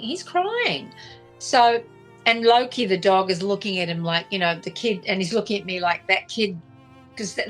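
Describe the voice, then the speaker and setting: A woman's voice: mid-range voice, a bit bright. Rambling woman telling a story. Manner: rambling, with many restarts and fillers. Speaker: vlogger. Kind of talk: casual storytelling monologue.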